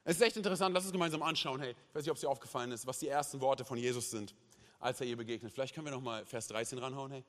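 A male pastor preaching at a church service in an impassioned way, swinging between loud and hushed and tagging his sentences with "hey" and "oder?". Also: mid-range voice, rapid-fire. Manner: peppers speech with "hey" and "oder?" tags. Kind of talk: sermon. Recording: long reverb of a large hall.

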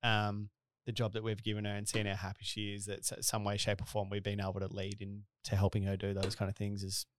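A man's voice: lowish voice, monotone, a little fast, background noise. A man in his thirties with a broad Australian accent, hosting a casual interview in a rambling, colloquial, blokey way. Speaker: podcast host and business owner.

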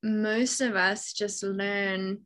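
A young adult woman from South Africa, a guest on a podcast interview, talking in a relaxed, reflective way with many fillers. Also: medium pitch, extremely slow. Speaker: guest musician.

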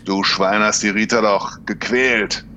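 Ein Mann spielt einen brutalen Polizeikommissar, der nüchtern und sachlich spricht und dabei kalt droht. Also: male voice, lowish voice, steady tone, a little slow, bright, forceful tone, a little hiss or hum. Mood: menacing. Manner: plain, matter-of-fact, coldly threatening. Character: brutal, rule-breaking male police detective.

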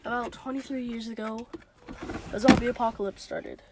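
A woman's voice: on the high side, fairly even intonation, normal speed, natural voice. A woman playing a bossy young zombie-apocalypse survivor. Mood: explaining. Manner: gives orders and explains in rambling bursts. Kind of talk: improvised home role-play. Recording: noisy home recording.

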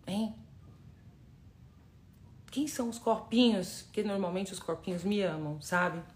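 A woman hosting a casual motivational live stream, talking straight to her viewers, emphatic and repeating words for force. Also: mid-range voice. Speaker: live-stream host, personal development facilitator.

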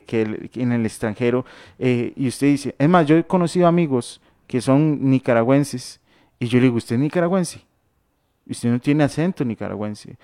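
A man's voice: medium pitch, a little mellow, dry recording. Man, religious discussion, hesitant, restarts, rhetorical questions, dry close recording.

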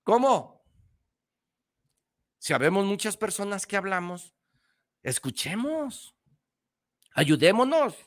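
On the radio, a middle-aged Mexican man with a Mexican Spanish accent delivers a slangy, emphatic motivational talk and keeps repeating his points. His voice is high and sing-song, and he talks slowly with long pauses.

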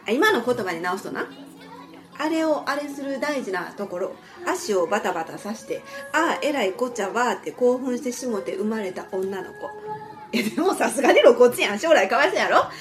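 A woman with an Osaka Kansai accent voicing a frank, excitable young woman from an ancient myth, telling her tale in a gossipy first-person way. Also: a little high, normal speed, soft background music, close to an everyday voice. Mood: chatty, excitable. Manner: gossipy storyteller, chatty asides. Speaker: reader. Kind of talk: dramatic first-person reading.

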